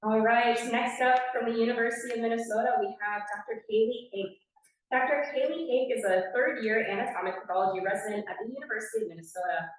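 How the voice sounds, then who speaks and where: A woman's voice: a little high, fast talker. A woman with a Wisconsin accent presenting at an award ceremony, reading out each winner's biography with brief asides. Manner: announcing, reading scripted bios with brief asides. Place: large conference hall. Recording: echoey hall from far off.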